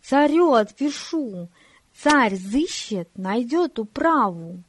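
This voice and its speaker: A woman's voice: on the high side, expressive, slow, husky, dry recording, full character voice. A woman voicing a hot-headed, stubborn nobleman who protests with indignation. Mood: indignant. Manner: indignant, raised voice.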